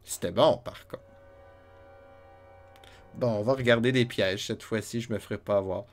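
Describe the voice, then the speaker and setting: A man's voice: lowish voice, normal speed, faint music behind. A man with a Quebec French accent giving chatty, joking let's play commentary, talking to himself as he plays. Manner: joking, chatty, talks to himself while playing. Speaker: gamer.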